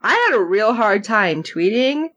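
A woman's voice: mid-range voice, lively intonation, unhurried, a bit bright, lo-fi sound. A woman co-hosting a podcast, recapping a TV episode in casual chat and acting out her own reactions. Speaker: podcast co-host.

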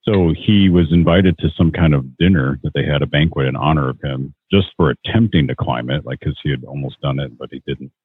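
Deep, husky man on a call. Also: a little fast, hardly any pauses, dry recording. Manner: earnest, exhorting. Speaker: podcast host. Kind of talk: motivational podcast talk. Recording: tinny phone-like call audio.

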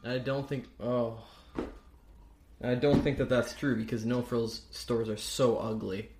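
A man co-hosting a podcast with his brother, teasing and making quick jokes. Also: medium pitch, level tone, reverberant, background noise. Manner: teasing, wisecracking. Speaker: podcast co-host. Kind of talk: casual chat.

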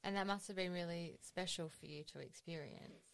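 Low-voiced woman gently interviewing. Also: brisk, creaky, smooth. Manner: gentle, affirming listener. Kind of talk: empathetic interview.

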